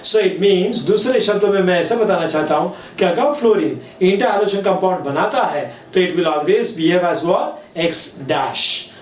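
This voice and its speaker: A man with an Indian accent teaching chemistry, dictating key points slowly and word by word and switching between Hindi and English mid-sentence. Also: high voice, expressive. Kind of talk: classroom lecture. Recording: echoey room, mic at a distance.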